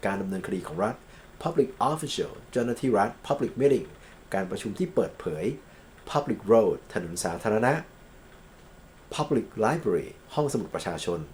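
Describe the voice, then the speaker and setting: Slow, lively Thai lecturer, man. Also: fairly low pitch, a little hiss or hum. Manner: reads English examples slowly, then explains quickly. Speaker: law English lecturer. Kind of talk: recorded grammar lecture.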